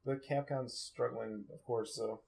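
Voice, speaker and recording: A man's voice: mid-range voice, steady tone, a little slow, creaky, darkish tone. A man co-hosting a podcast, talking about video games in a laid-back way and swearing casually. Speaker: podcast co-host. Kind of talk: casual gaming chat.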